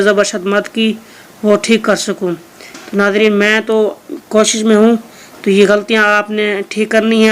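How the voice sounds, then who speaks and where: A man teaching Quran reading online, spelling out letters and vowel marks slowly and explaining between recitations. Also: sits high, clean tone. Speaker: Quran tutor.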